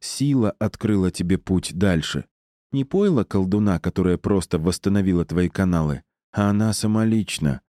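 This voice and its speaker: A man reading an audiobook voices a calm, solemn and kind female river spirit. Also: sits low, normal speed, no room sound, clean studio sound, lightly acted.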